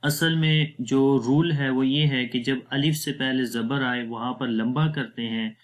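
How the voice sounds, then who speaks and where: Male Quran reading tutor with a Pakistani accent, patient and deliberate, drawing out each syllable for students to repeat. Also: mid-range voice, fairly even intonation. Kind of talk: spelled-out reading lesson.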